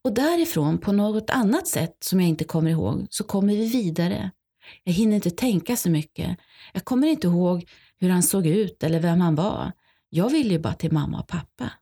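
Numb young boy, measured first-person telling, read by a woman; husky, low. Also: dark tone, full character voice. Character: young boy, lost and numb after disaster. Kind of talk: first-person testimony reading.

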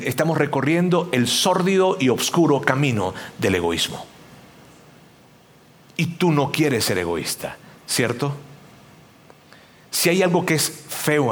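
Preacher, male, animated, rhetorical, higher register. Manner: animated, rhetorical questions, acts out voices. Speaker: pastor. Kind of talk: sermon.

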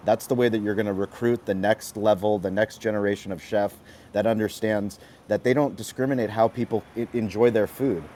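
A guest speaker on restaurant marketing talks with energy and emphasis during a motivational panel on an audio chat, repeating phrases in stacks to hammer his points home. His voice is lowish, steady, warm, and fairly quick, with a slight amount of background noise.

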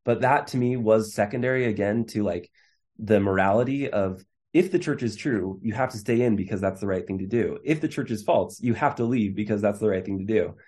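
A man's voice: fairly low pitch, fairly quick, a little mellow, husky. A man in his thirties, an interview guest, telling his story in a casual way, with many fillers and restarts. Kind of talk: conversational storytelling.

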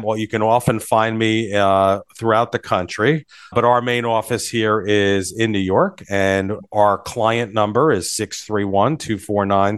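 A man speaking as a financial advisor guest in a conversational interview, explaining things in a measured way. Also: fairly low pitch, fairly bright tone, clean tone, no echo, studio quality.

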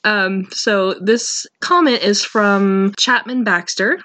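A woman hosting a podcast in a chatty, relaxed way, recorded through a built-in laptop microphone with low-quality audio. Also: takes it slowly, no echo. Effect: low-quality laptop mic audio. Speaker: podcast host. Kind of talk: casual podcast chat.

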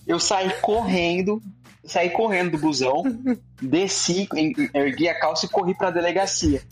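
A young man casually telling a story in lively slang, acting out the other people's lines. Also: sits high, moderate pace, soft background music. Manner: animated slangy storytelling, acts out voices. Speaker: storyteller guest.

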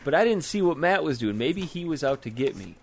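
A man's voice: on the high side, sing-song, fairly quick, a little hiss or hum. Joking man in crude podcast banter. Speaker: podcast co-host. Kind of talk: casual chat.

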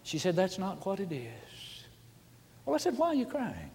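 Older preacher in a reverberant hall. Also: male voice, high-pitched, wildly swooping pitch, normal speed, slight background noise. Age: 70s. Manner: folksy storytelling, swings from hushed asides to loud shouts. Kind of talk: sermon.

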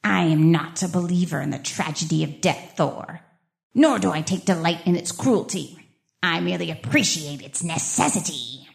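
A gloating goddess of death from a comic book, low for a female voice and gravelly. She delivers her vengeance with slow, theatrical villain menace.

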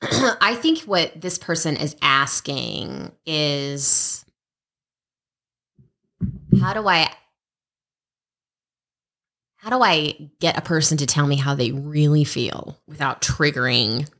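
A woman co-hosting a podcast in casual chat, animated, self-deprecating and quick to laugh. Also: deep voice. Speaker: podcast co-host.

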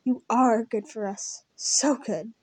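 A woman's voice: fairly high pitch, fairly even intonation, slow pace, a little mellow, slightly rough, no room sound. A woman reading as a stern army captain. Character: stern yet tender male army captain.

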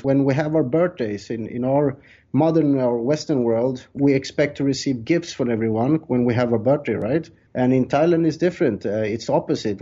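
This interview guest is a real estate developer from Sweden, a man in his thirties who speaks with a Swedish accent and answers questions in a conversational way. His voice sits in the mid range, dark in tone and slightly rough, captured on dull, lo-fi call audio.

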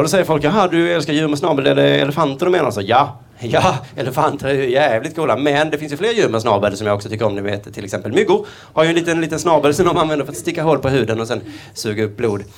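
A man doing a stand-up routine, telling absurd deadpan jokes and slipping into quick voiced asides. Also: fairly high pitch, creaky. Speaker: stand-up comedian. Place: comedy stage before a live audience. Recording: stage mic with loud audience laughter.

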